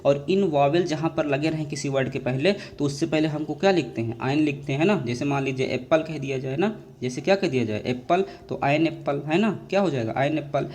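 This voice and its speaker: A man with a somewhat high voice teaches grammar as a lecture. He asks a question, answers it himself and says it again. A faint hiss runs behind the recording. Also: a little fast, few pauses, darkish tone. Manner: repetitive call-and-response drilling, addresses students as dear children. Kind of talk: classroom lecture, asking and answering his own questions.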